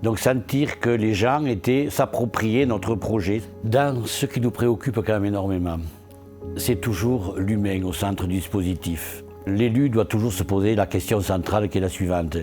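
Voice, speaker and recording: An elected local official speaks earnestly in a promotional interview about local achievements, posing his own questions and then answering them. His voice is on the low side and a little mellow, at normal speed, with faint music behind.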